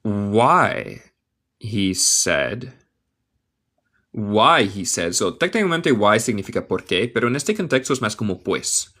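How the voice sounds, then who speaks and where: An American man from Michigan teaching English, reading a fable word by word and repeating phrases slowly. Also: lowish voice, sing-song, fairly bright tone. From United States. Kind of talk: slow live English reading lesson.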